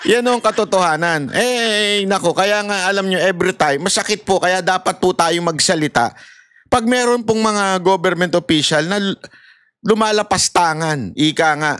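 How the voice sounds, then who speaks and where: A man's voice: smooth, no echo, clean studio sound. A man with a Filipino accent giving casual political commentary, laughing often and mixing in English. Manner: animated, mixes Tagalog and English, laughs often; shouts high when acting out scenes.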